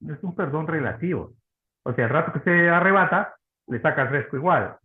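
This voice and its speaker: A man's voice: fairly high pitch, expressive, fairly quick. A man preaching a conversational sermon, often asking his listeners whether they follow him. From Peru. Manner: conversational, keeps asking the audience. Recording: tinny phone-like audio.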